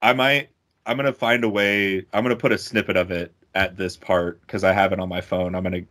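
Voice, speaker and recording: A young man with a very low, deep voice talks in loose podcast chat. He gushes and curses freely, restarting sentences as he goes. His speech is full of fillers and quick bursts of enthusiasm. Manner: excitable, swears a lot, stumbles over words. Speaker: podcast co-host. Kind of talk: casual music podcast chat.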